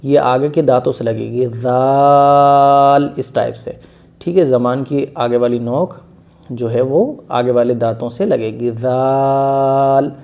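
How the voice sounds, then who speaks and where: A man's voice: medium pitch, vocal fry, mellow, dull audio. A man teaching a beginners' Quran reading lesson, explaining letter sounds patiently and stretching each letter long in one breath.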